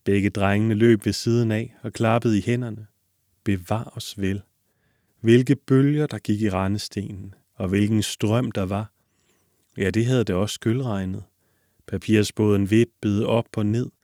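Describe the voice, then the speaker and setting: A man reads a classic fairy tale aloud at a calm, measured pace. His voice sits low, and the recording is dry and close. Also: no echo. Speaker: narrator.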